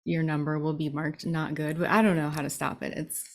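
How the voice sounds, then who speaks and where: A woman with a somewhat low voice co-hosts a podcast in relaxed conversation. She rambles a little and fills her sentences with likes. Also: brisk. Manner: conversational, rambling with 'like' fillers. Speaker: co-host, financial advisor. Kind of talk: casual chat.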